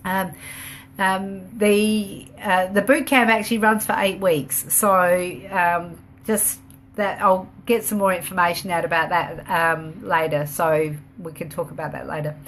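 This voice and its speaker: A woman's voice: on the low side, fairly even intonation, a little slow, fairly bright tone, a little hiss or hum. A woman running a home business, chatting casually on a live video, rambling a little, laughing easily and answering viewer comments as she goes. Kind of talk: casual live-stream chat.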